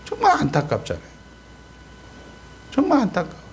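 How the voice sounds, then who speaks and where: A male pastor, delivering an animated sermon and prompting the congregation to repeat after him. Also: extremely high pitch, normal speed, slight background noise.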